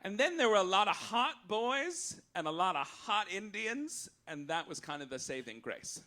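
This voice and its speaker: On stage at a live cabaret venue, a comedian acting as show host reads a satirical monologue of mock-official rulings to the crowd. His high-pitched voice is sing-song, bright and forceful at normal speed, and his style is campy, arch and theatrical.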